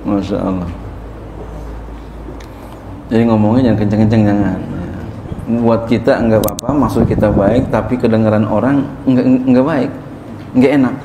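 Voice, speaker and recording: A man, a religious teacher, leads a sermon-style lesson in a roomy, echoing hall with faint background ambience. His voice sits at an ordinary pitch. He recites Arabic, then explains it in easy, conversational Indonesian. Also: steady tone, moderate pace, pauses often, noisy background. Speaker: kiai teaching a classical text. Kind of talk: sermon-style kitab study. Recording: echoey room with faint ambience.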